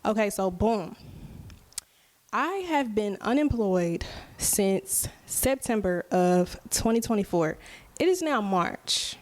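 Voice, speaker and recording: A musician in her twenties hosts a solo podcast, talking casually and openly to her listeners and often checking in with "right?". Her mid-range voice is expressive and a little mellow, and her conversational pace is slow and unhurried.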